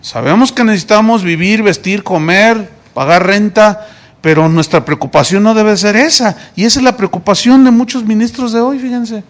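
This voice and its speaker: Mexican male pastor, high voice, preaching and quizzing his congregation. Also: moderate pace. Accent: Mexican Spanish. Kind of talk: sermon.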